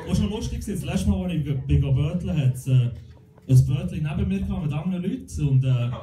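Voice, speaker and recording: Swiss German comedian, deadpan stand-up. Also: male voice, on the high side, fairly quick, distant mic, very noisy. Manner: deadpan, self-mocking, acts out voices. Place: comedy club stage. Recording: roomy club with loud crowd and music.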